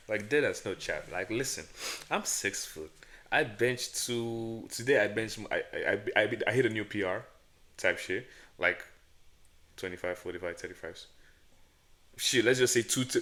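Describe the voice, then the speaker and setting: A man's voice: a little slow, pauses often, bright, forceful tone. A man with an African accent on a casual podcast, rambling and stammering as he questions himself. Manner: rambling and self-questioning, stammers, drops into a mock deep voice. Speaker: podcast co-host. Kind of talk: casual chat.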